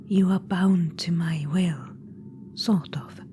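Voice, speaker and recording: A woman whispers as a commanding undead witch-queen spirit in an ASMR roleplay, teasing and condescending in an imperious, coaxing way. Her voice is fairly low and mellow, with fairly even intonation and a slow pace. Background noise is clearly audible.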